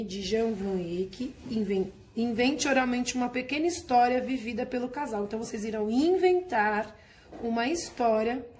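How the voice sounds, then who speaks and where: Explaining a workbook lesson to her class one step at a time, a patient teacher speaks in a fairly high voice. She keeps pausing to check on her students, and a little hiss or hum can be heard.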